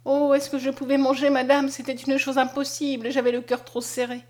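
A woman's voice: high voice, monotone, brisk, close to an everyday voice. A woman reading the lines of a humble, grateful young woman in a storybook, in an earnest, emotional way.

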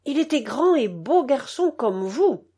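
Bright young sister voiced by a woman, higher voice, lively, storybook reading. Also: measured pace, husky, full character voice.

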